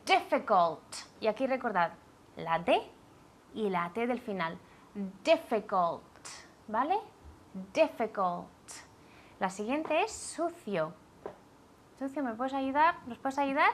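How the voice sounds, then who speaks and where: A woman runs a language lesson at an unhurried pace. Her voice sits a bit high and moves up and down a great deal as she drills each sound. She checks in with her student again and again. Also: expressive, a little hiss or hum. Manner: clear, drilling pronunciation with frequent checks. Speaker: English teacher.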